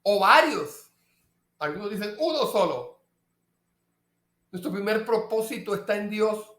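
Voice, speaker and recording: A man preaching a sermon slowly and emphatically, repeating key phrases. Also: high-pitched, sing-song, fairly bright tone, echoey room.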